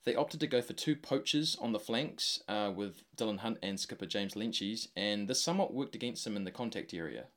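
A man's voice: fairly low pitch, expressive, a little fast, hardly any pauses, fairly bright tone. A man presents a solo sports podcast. His delivery is informal and slangy, partly scripted, in the manner of a recap for followers.

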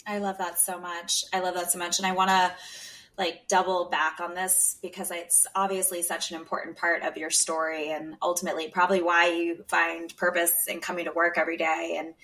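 A woman hosting a podcast, affirming her guest warmly and asking long, rambling questions. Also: on the low side, distant mic. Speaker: podcast host. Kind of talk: warm-hearted podcast interview.

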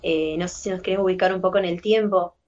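A woman's voice: fairly low pitch, fairly even intonation, fast talker, a little mellow, muffled recording. Chatty woman co-host. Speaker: podcast co-host. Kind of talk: casual interview.

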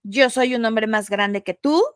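A man's voice: high-pitched, a little slow, fairly bright tone, clean tone, dry recording, studio quality, pitched below the performer's own voice. A woman voicing a coaxing older boss. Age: middle-aged.

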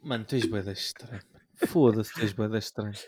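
A man's voice: on the low side, quick pace, a little mellow, slightly rough. A young man with a European Portuguese accent chatting casually, teasing his co-host in slangy, incredulous remarks. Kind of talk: casual chat.

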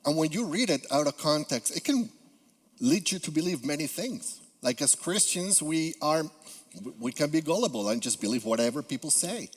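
Preaching as a guest in a church sanctuary, this earnest Peruvian man in his fifties has a Spanish accent and uses frequent "uh" fillers. His voice is a little high and expressive at a normal speed, carried by long hall reverb.

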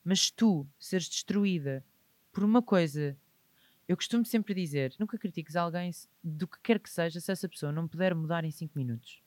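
A man in his twenties speaks with a European Portuguese accent, mid-pitched and frank. He stresses his points hard and now and then breaks into laughter. The sound is dry and close. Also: normal speed, a little mellow, dry recording. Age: 20s. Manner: emphatic, open and reflective, with sudden laughs. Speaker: guest entrepreneur. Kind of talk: candid podcast conversation.

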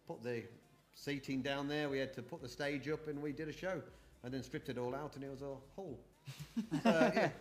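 On a podcast, a middle-aged guest reminisces and rambles casually through his memories in a medium-pitched voice. He was born in New Zealand and moved to the UK when he was eight.

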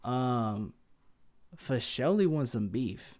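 A man's voice: mid-range voice, animated, takes it slowly, darkish tone. A man co-hosting a casual podcast, joking and swearing in rambling asides, tired. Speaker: podcast co-host. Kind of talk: casual chat.

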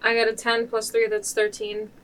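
A woman's voice: a little high, monotone, moderate pace, background noise. A woman playing a tabletop game, chatting casually about rules and dice rolls.

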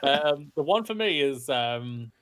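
A man's voice: fairly high pitch, expressive, takes it slowly. Rambling male podcast co-host. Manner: rambling, addresses listeners as ladies and gentlemen. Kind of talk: casual podcast chat.

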